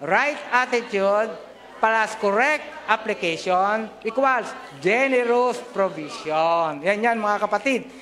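A man's voice: high voice, pushed and bright. A middle-aged man from the Philippines preaching a sermon into a handheld mic in a large church hall, mixing Tagalog and English and joking with the congregation. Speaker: pastor.

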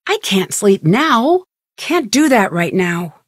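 A quick-witted, determined young woman detective in an adventure game thinks aloud, musing inquisitively to herself with focus as she works through puzzles. These scripted voice lines are delivered in a medium, sing-song pitch, recorded dry with no room sound.

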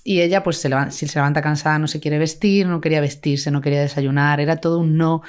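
A middle-aged woman hosting a podcast interview, talking in an emotional, expressive way. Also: low voice, quick pace, clean tone. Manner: emotional, expressive, rising excitement while confiding. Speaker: podcast host. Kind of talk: casual interview chat.

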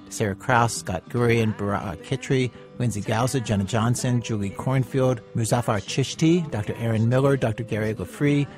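Male radio host narrating over soft music. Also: mid-range voice, moderate pace, hardly any pauses. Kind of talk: scripted narration.

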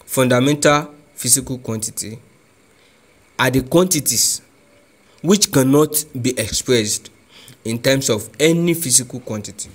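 A man with a Nigerian English accent teaching a physics lesson, speaking deliberately and repeating key phrases, often starting with "so". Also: medium pitch, animated. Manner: frequent "so" as a connector. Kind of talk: classroom lesson.

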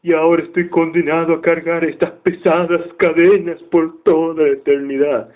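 Brief: a man playing a doomed old chained ghost, slow and mournful, pitched well above his own voice, tinny line. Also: level tone, close to an everyday voice. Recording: tinny phone-like sound.

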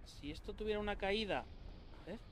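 There's a faint background hum under this live gameplay commentary. The speaker is a Spanish YouTuber with a Spanish accent and a fairly high male voice, who swears often, gets excited easily, and keeps talking to his audience and to himself.

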